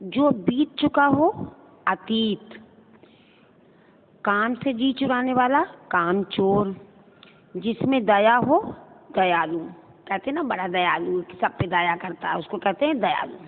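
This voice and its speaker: A woman's voice: medium pitch, animated, takes it slowly, long pauses. A woman teacher giving a grammar lesson, reading out words in wrong and right forms and checking whether the students follow. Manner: drills word pairs, wrong then right, with questions to students. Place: school classroom. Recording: tinny phone-like sound with long hall reverb.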